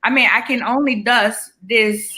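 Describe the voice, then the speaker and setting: A woman in her forties co-hosting a podcast, speaking frankly and personally in animated conversation. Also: fairly high pitch, unhurried. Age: 40s. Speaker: podcast co-host. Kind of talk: candid conversational chat.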